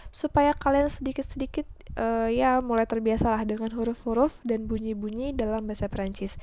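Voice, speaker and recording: A young woman teaching a French class in a friendly, chatty way, slowly spelling out letters and sounds. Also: fairly high pitch, mellow. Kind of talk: online class lesson.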